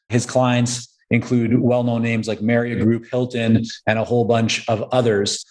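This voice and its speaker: A man's voice: medium pitch, darkish tone, poor audio. A man with a mid-range voice hosts an interview podcast. He talks in a friendly, upbeat way and moves steadily through his introductions. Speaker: podcast host.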